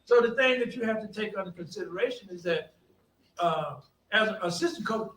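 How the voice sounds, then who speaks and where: An older man, a college coach telling folksy, animated stories on a conference panel. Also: sits high, fairly quick. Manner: folksy, animated anecdotes with quoted voices and laughter. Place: conference hall. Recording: echoey hall from a distance, faint background hum.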